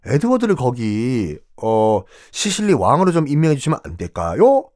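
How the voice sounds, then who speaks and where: A man voicing a whiny medieval king who pleads and shouts in a panic. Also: medium pitch, wildly swooping pitch, moderate pace, no echo, clean studio sound, voice pushed down. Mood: pleading. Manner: pleading, then frantic shouting.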